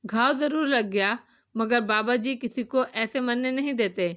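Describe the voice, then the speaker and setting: Woman reading old village man, simple and kindly, rustic folksy speech, fairly high voice, novel reading. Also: fairly bright tone, close to an everyday voice.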